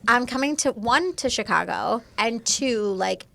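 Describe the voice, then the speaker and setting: A woman's voice: a little high, expressive, measured pace, gravelly, pushed and bright. A woman co-hosting a casual podcast, rambling with lots of fillers. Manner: rambling, filler-heavy talk. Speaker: podcast co-host.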